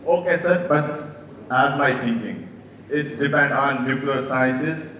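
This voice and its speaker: A young man with a Kashmiri accent asks a question from the audience at a lecture. He is deferential and halting in his phrasing. The hall echoes around him, with faint noise behind. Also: mid-range voice, a bit bright. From Kashmir Valley. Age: young adult.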